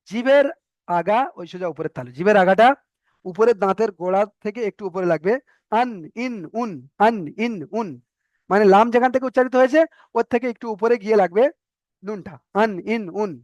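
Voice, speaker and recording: A man with a Bengali accent teaching Arabic letter sounds in an online lesson, repeating each sound slowly for learners to practise. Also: high-pitched, no echo, lo-fi sound. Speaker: Quran recitation teacher.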